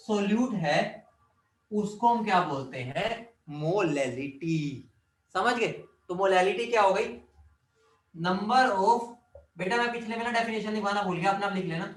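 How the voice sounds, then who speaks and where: A high-voiced man lectures on chemistry, firing questions at his class and joking as he works through formulas. He sounds set back from the mic, and the room rings with echo. His delivery stays a classroom lecture throughout. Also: fairly bright tone. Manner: drills formulas, quizzes students, jokes. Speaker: chemistry teacher. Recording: echoey room, mic at a distance.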